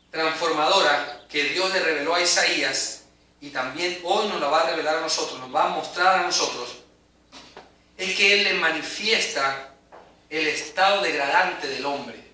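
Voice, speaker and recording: A man delivers an emphatic, dramatic sermon, his voice high and piercingly bright. He is recorded from across a room that echoes heavily, so every phrase rings out around him. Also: measured pace, long pauses. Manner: emphatic, dramatic preaching with rising and falling intensity. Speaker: preacher. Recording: very echoey hall, mic at a distance.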